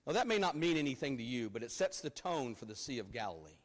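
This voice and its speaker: A man's voice: medium pitch, sing-song, quick pace. A man preaching a sermon at a pulpit microphone in a church, in a conversational way with frequent repeated words. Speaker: pastor. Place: church sanctuary. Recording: long reverb of a church hall.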